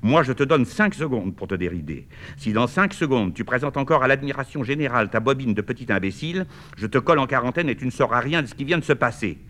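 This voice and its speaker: A man reading a play aloud, voicing a lively, bossy teenage boy with quick, bantering, mock-grand talk. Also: medium pitch, pitched above the performer's own voice, close to an everyday voice. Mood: teasing. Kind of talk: 1960s stage-play reading.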